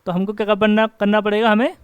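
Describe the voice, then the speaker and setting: Man teaching grammar, high clear voice. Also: little pitch movement, no room sound. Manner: asks the class questions and answers them himself; reads example sentences slowly. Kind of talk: classroom lecture. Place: coaching class.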